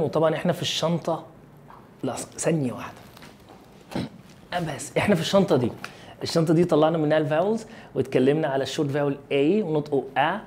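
Egyptian male phonics teacher, mellow warm voice, patient repetition drills, friendly check-ins with the kid. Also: a little high. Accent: Egyptian Arabic. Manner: repeats sounds slowly and drills them; friendly, coaxing questions to the learner. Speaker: English teacher. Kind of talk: phonics lesson for children.

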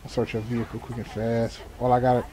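Amid background noise and game vehicle and ambient sounds, a fast-talking man with a mid-range voice keeps a level tone. He's a gamer in a police patrol role-play as a sheriff's deputy, improvising radio call-outs that mix clipped procedural jargon with casual muttered asides.

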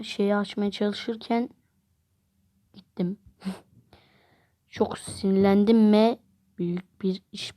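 Woman, casual game commentary, mellow voice, excitable outbursts, phone game. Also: medium pitch. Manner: chatty, exclaims and groans at the game. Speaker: gameplay vlogger.

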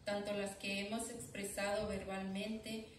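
A woman reading the prayer intentions as lector in a church sanctuary, in a steady, even reading. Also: medium pitch, a little slow. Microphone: far camera. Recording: echoey church from far off, background noise.

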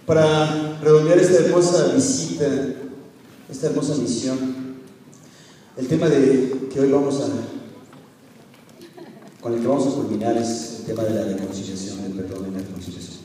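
Mexican preacher in an echoey hall. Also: male voice, medium pitch, moderate pace, long pauses, distant mic, a little hiss or hum. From Guadalajara, Mexico. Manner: animated, coaxing, laughing with the crowd. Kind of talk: lively sermon with audience games. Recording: echoey hall from afar with crowd.

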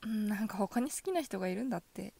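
A woman voicing a possessive yandere girlfriend in a soft ASMR role-play, sweetly coaxing with quiet menace. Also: medium pitch, animated, fast, vocal fry, slightly rough. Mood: coldly jealous. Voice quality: soft, often dropping in a soft voice. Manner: yandere: sugary coaxing turning quietly threatening.

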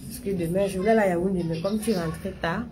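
A young adult woman talks fast in a steady, medium-pitched voice while hosting a relaxed live stream. Chatty and speaking directly to viewers as she answers them, she repeats phrases and has a slight stammer, which she says has eased.

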